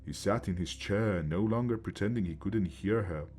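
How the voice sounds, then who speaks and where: Husky-voiced man narrating horror. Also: low voice. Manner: steady, measured first-person reading. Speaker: storyteller.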